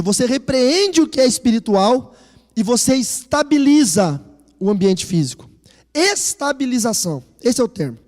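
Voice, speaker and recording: A male pastor with a Brazilian Portuguese accent preaching a sermon, telling personal stories and acting out the dialogue. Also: extremely high pitch. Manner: animated storytelling, acting out dialogue. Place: church. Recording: reverberant church hall.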